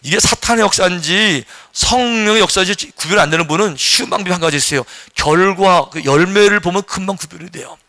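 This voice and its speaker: A male pastor delivering an animated sermon, acting out little voices and leading the congregation in call-and-response. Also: high voice.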